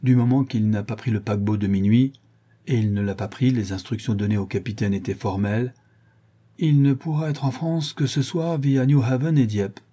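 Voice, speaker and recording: A man reading a cocky, playful gentleman burglar with theatrical, mocking flourishes. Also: medium pitch, normal speed, slightly rough, natural voice. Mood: scheming.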